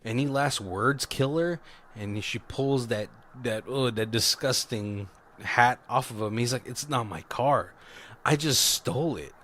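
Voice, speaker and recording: A man's voice: medium pitch, unhurried, sharp tone. A man co-hosting a podcast, animatedly retelling a film plot and acting out the characters' lines. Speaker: podcast co-host. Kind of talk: casual movie recap chat.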